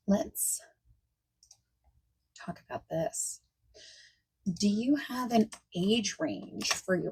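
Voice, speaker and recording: A woman voices a friendly, accommodating party planner in a softspoken ASMR scene, her medium-pitched voice occasionally falling to near-whispers. Her manner is casual, chatty and reassuring, with pauses for replies we can't hear, while keyboard typing and clicking sit over faint noise.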